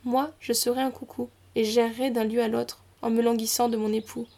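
Give me a woman playing a soft-spoken loving young wife, slightly high and steady. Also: a little fast, creaky. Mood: mournful. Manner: soothing, tender. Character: young wife of a river lord, loving and gentle.

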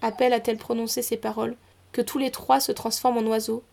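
Give me a woman narrating a folk tale in a gravelly, even voice. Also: a little high. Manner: measured narration. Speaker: storyteller. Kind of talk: reading a folk tale aloud.

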